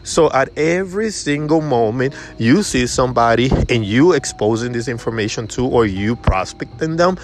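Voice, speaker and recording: A man giving a motivational sales lesson in an emphatic coaching manner. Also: mid-range voice. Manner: emphatic, acts out customer voices. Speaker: sales trainer.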